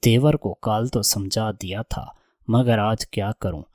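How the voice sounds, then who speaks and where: A man reads a first-person story aloud at a steady, even pace. His voice sits on the low side. The recording is dry and close, with no room sound. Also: dry recording.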